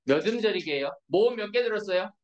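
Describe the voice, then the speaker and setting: A woman's voice: mid-range voice, lively intonation, quick pace, darkish tone, lo-fi sound. A woman teaching an English grammar lesson in Korean to a class, constantly checking with her students through short questions. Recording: echoey classroom from far off.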